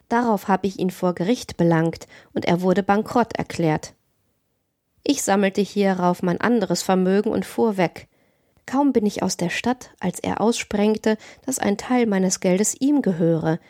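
A woman voicing a cynical, menacing male criminal in a calm, domineering audiobook reading. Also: mid-range voice, dry recording, studio quality, lightly acted. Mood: smooth. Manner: cold, domineering.

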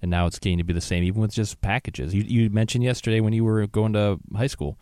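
A man with a very low voice talks through a news story with his co-host. He speaks loosely, full of ums and restarts, into a close mic with a dry sound. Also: steady tone, fast, a little mellow, smooth, no room sound. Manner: conversational, many fillers and restarts. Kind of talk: casual news discussion.

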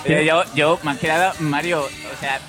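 A man's voice: fairly high pitch, fairly even intonation, moderate pace, over music. A man guesting on a casual podcast, talking in a hesitant, rambling way.

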